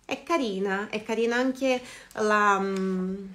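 A woman's voice: medium pitch, a bit bright, slight background noise. Woman teaching Italian lyrics live. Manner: reads each line in Portuguese then Italian, pausing to explain words. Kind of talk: live-stream lesson, translating song lyrics.

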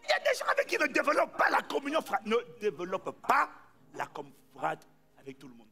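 A man preaching a sermon to a congregation, calling out to them and shouting his points for emphasis. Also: very high-pitched, wildly swooping pitch, fairly quick, faint music behind.

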